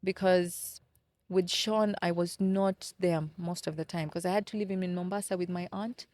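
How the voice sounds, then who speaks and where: Here a woman's lowish, steady, slightly mellow voice moves at a moderate pace with no echo. She is a Kenyan podcast guest in her thirties, reflecting earnestly on personal experiences in candid conversation and repeating words as she finds them.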